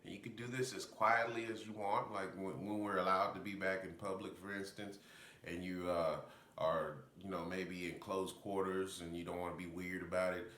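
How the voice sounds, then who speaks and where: Deep-voiced, congested man teaching breathing. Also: little pitch movement, moderate pace, sharp tone. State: congested sinuses. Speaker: breathwork instructor. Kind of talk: casual instructional talk on breathing technique. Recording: roomy echo, faint background noise.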